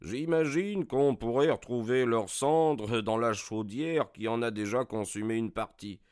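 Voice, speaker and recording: Sherlock Holmes, voiced by a male narrator, calm and sure. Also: medium pitch, unhurried, clean tone, no room sound, clean studio sound, close to an everyday voice. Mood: assured. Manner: calm, assured.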